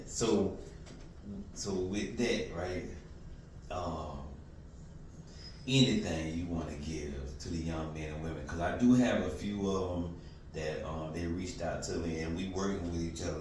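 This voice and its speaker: Forties male host, slangy and relaxed, very deep, strong echo and a slight hiss. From Florida. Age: 40s. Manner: easygoing, slangy, drawn-out fillers. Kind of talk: casual interview. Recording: echoey room, distant mic, faint noise.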